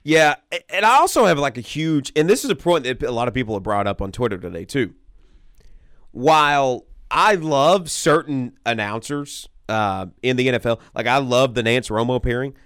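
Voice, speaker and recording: A man's voice: medium pitch, lively intonation, normal speed, fairly bright tone, smooth, no echo, studio quality. An American man hosting a sports radio show, talking casually and emphatically, repeating points for stress. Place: radio studio.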